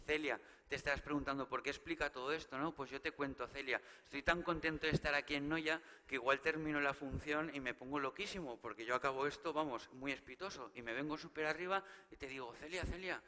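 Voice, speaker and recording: Brief: Spanish man, thirties, comic gala emcee, sharp and forceful tone, teasing banter, booming hall. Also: fast talker, hardly any pauses. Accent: Spain Spanish. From Spain. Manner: chatty, joking, teasing the audience, rallying the crowd. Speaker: gala host. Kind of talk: comic stand-up hosting of a live awards gala. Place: large hall with a live audience. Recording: live hall recording with long reverb and faint noise.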